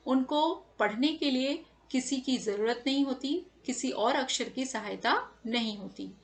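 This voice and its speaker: Speaking in a high voice, a female teacher carefully leads children through a lesson over slides. She draws out and emphasizes every sound as she pronounces it.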